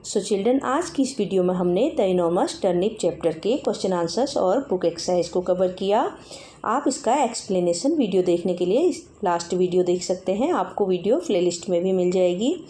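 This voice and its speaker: A woman teacher patiently explaining textbook exercises to young children, mixing Hindi and English and reading word lists slowly. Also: fairly low pitch, expressive, mellow.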